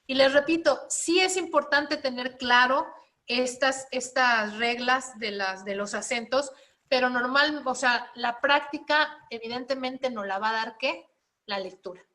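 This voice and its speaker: A woman's voice: high-pitched, unhurried, pushed and bright. A woman teaching a spelling and writing class, explaining step by step and often checking in with her students. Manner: explanatory, checks in with frequent questions.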